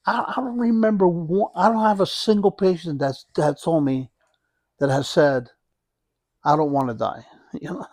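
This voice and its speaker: This man's voice sits high with a darkish tone as he talks, in interview, about his work as a hospice nurse. His reflections come haltingly, full of repetitions and rephrasings, on a dry recording.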